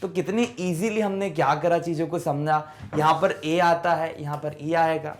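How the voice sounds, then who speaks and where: A male teacher with a high voice walks students through spelling. He asks question after question and answers each one himself. He stretches words out slowly, syllable by syllable. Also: steady tone. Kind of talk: explaining English spelling in a class lesson.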